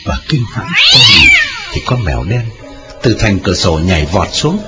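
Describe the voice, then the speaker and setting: A man's voice: huge pitch swings, moderate pace. A man narrating a ghost story in a dramatic storytelling manner. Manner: dramatic storytelling with wide swings in pitch. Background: music.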